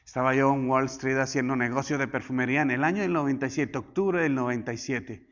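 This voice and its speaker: A male pastor preaching a sermon, swinging from loud declarations to hushed asides and having the congregation repeat after him. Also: mid-range voice, fairly even intonation, fast talker, dull audio.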